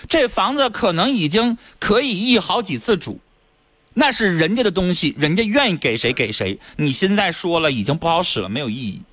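Scolding radio host. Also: male voice, high voice, sing-song, fairly quick, a bit bright, dry recording. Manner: scolding, lecturing. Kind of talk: blunt advice radio talk. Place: radio studio. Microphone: studio mic.

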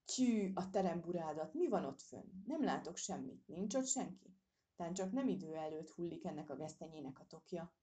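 A grumbling, slow-witted park keeper in uniform from a children's storybook, as a woman reader acts him out. He mutters and huffs his words. The voice sits low and dark, with a mellow warmth. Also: big pitch swings.

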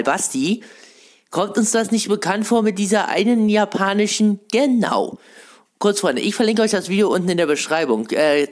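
A man hosting his own video show, rambling through casual game commentary with lots of fillers and pet phrases, a frog in his throat. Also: high-pitched. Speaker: video host.

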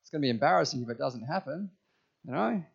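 A man's voice: on the high side, animated, quick pace, creaky, breathy edge, dull audio. A man preaching a sermon to a congregation in church, emphatic and often asking the listeners questions. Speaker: pastor.

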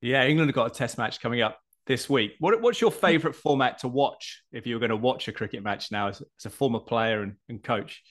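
A man's voice: medium pitch, expressive, brisk, hardly any pauses, a bit bright. A man interviewing a guest, asking long, rambling questions with restarts.

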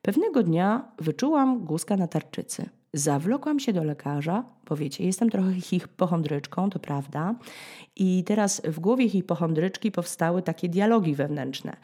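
Woman podcast host, mellow low voice, dramatic ironic storyteller. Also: animated, moderate pace. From Poland. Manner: dramatic, ironic, acts out scenes with sudden high-pitched bursts. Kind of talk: storytelling monologue.

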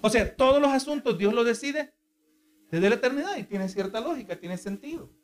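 A man's voice: extremely high pitch, animated, a little fast. A man preaching a sermon in a teaching tone, asking the congregation rhetorical questions.

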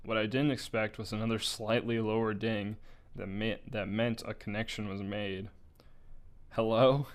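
A man's voice: on the low side, flat delivery, normal speed. A young man reading a story aloud in a casual way, stumbling over words now and then and breaking off for asides. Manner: casual, with slips, laughs and asides.

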